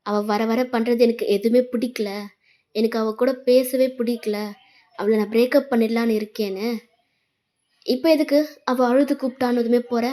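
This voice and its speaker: Casting: woman voicing a sarcastic, hurt young woman, bitter edge, fairly high mellow voice. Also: close to an everyday voice. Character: hurt, angry young woman, sharp-tongued girlfriend. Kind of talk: fan fiction voice-over.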